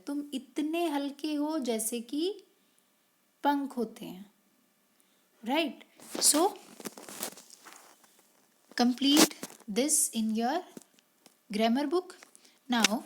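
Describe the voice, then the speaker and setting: A woman teacher explaining a grammar exercise to children, mixing Hindi and English and answering her own questions. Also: sits high. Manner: slow, drawn-out reading of English sentences.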